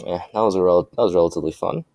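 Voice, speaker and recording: A calm, self-assured young ninja swordsman, as a man telling the story puts him on. He talks in a low voice, relaxed and offhand, with a close, dry sound. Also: very fast, dry recording. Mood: casual.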